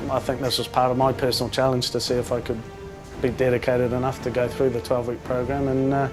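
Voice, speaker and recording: A man from England speaks in a relaxed interview, stopping often for ums and uhs as he gathers his thoughts. His voice sits at an ordinary pitch. Clear music plays behind him. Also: fast talker. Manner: hesitant, many ums and uhs. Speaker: amateur boxer in a charity fight. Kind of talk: casual interview talk. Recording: music playing underneath.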